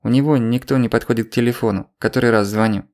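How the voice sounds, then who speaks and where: A man's voice: medium pitch, steady tone, quick pace, darkish tone, close to an everyday voice. A man reading an audiobook, voicing a panicky, breathless middle-aged man who wails down the phone. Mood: anxious. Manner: wailing, rattled.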